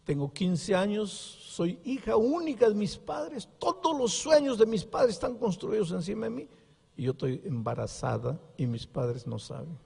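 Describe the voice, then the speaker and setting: A man voicing a desperate, pregnant fifteen-year-old girl, retold in hushed, pleading tones during a sermon. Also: sits high, sing-song, normal speed, gravelly, husky, voice pushed up, exaggerated voice. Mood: despairing. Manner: hushed, pleading quotes within a story. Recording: long hall reverb.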